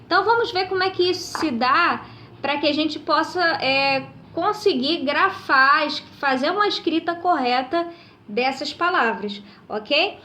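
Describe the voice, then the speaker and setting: A woman's voice: high voice, animated, measured pace, sharp tone. A woman teaching a recorded lesson. She explains step by step and keeps checking in with her students. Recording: echoey room.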